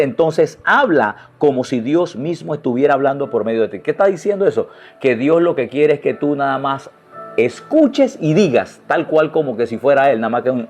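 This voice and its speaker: A male pastor preaching a sermon with lively exclamations and rhetorical questions, addressing his congregation directly. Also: a little high, highs cut off.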